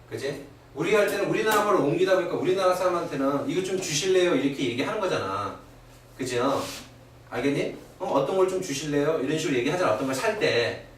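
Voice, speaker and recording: Middle-aged guy teaching grammar, keeps going "okay? right?", slightly high voice, far off in a really echoey room w/ faint hiss. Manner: animated, keeps asking "그지?" and "오케이?". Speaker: English teacher. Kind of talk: classroom lecture. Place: academy classroom. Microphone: far camera.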